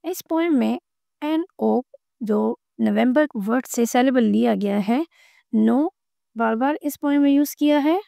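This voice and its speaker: A woman explaining a school textbook lesson, reading the English lines slowly and then explaining them in Urdu. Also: fairly high pitch, creaky, dark tone, dry recording, clean studio sound. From Pakistan. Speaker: teacher.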